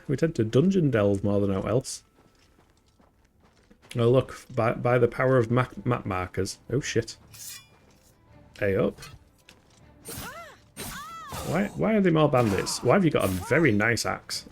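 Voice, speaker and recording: A man's voice: mid-range voice, gravelly, a little mellow. A man giving casual, joking commentary as he streams a game, laughing often.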